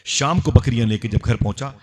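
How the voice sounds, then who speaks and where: A man's voice: mid-range voice, a little fast. Impassioned man preaching a story sermon. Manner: impassioned storytelling, urging the crowd to respond; chants verses rhythmically.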